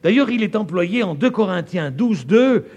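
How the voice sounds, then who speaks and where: Speaking at a normal pace on a dull-sounding recording, a Frenchman with a French accent preaches a sermon in an expressive voice. He is emphatic, stressing and stretching out key words, with wide swings in pitch and loudness.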